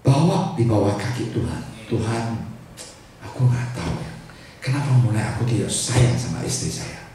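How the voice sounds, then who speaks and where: Older male pastor, jokey animated preacher, recorded from afar in a reverberant church with the crowd behind. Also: lowish voice, moderate pace. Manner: animated, joking, mixing in English and Chinese words. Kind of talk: sermon. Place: church hall. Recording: echoey hall from far off with congregation. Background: congregation laughing.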